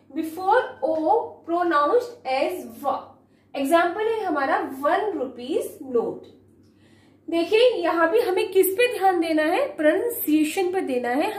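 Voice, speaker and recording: A woman's voice: very high voice, echoey room. A woman teacher with an Indian accent explains a grammar lesson to young students. She asks questions and answers them herself, mixing Hindi and English. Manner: mixes Hindi and English, slowly reads rules aloud. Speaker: school teacher.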